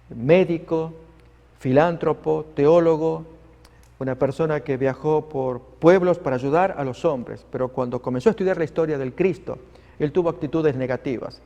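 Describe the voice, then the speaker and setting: A man's voice: a little high, creaky, dark tone, long reverb tail, dull audio. A male preacher delivering a sermon, emphatic and vivid, addressing listeners as friends.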